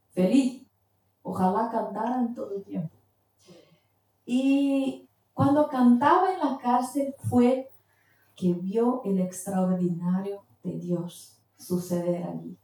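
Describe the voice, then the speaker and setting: A woman delivers a sermon with a mellow, dark voice, pausing at times to hunt for a word. She stands well back from the mic, and her voice rings through a very echoey church hall. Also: on the high side, recorded from a distance. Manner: searches for words mid-sentence. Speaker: preacher. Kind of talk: sermon with told testimony.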